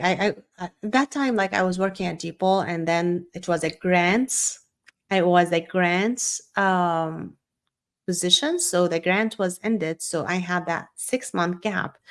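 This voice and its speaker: This host is a woman from Syria, a native Arabic speaker, talking live without a script. Her pitch sits in the middle, her pace is slow, and her delivery wanders with frequent fillers and false starts.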